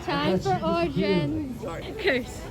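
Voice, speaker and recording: A woman's voice: high voice, takes it slowly. A woman hosting a casual vlog at an outdoor theme park, filmed on her phone, chatty and upbeat with frequent laughs. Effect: phone video recording. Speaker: vlog host. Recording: phone video with loud music and crowd.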